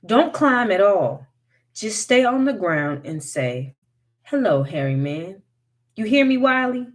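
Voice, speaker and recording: A woman's voice: medium pitch, very animated, slow. A woman voicing a firm, wise country mother who gives her son strict instructions, for a read-aloud folktale.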